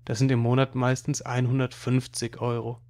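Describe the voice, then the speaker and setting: A man's voice: medium pitch, monotone, normal speed, a little mellow, natural voice. A man reading an audiobook, voicing an eager, teasing boy cousin who likes to show off his cleverness.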